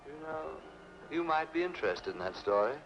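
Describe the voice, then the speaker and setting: An actor playing an older sea captain who doubles as a carnival barker, with a smooth, courtly manner. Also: male voice, big pitch swings, fairly quick, fairly bright tone. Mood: genial. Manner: smooth, courtly, then booming showman pitch. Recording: dull 1960s film soundtrack.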